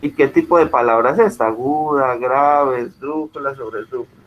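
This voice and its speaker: A man's voice: mid-range voice, normal speed. A male teacher giving an online class, explaining patiently and checking often that students follow. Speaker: school teacher. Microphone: video call. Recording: muffled video-call audio.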